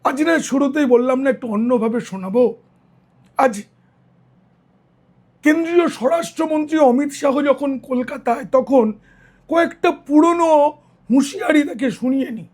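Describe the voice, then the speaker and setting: A middle-aged male journalist giving political news commentary, hoarse and tired, speaking earnestly straight to his viewers. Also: very high voice, normal speed, long pauses. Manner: earnest, direct address to viewers.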